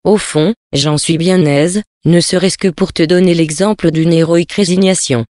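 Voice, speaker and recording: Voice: mid-range voice, steady tone, moderate pace, a little mellow, no room sound, lightly acted. A reader voicing a brash, ironic adventurer in a French storybook reading, in a plain everyday voice, recorded dry. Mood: jaunty, ironic. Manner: bold, ironic, hearty. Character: brash, jaunty man, an adventurer.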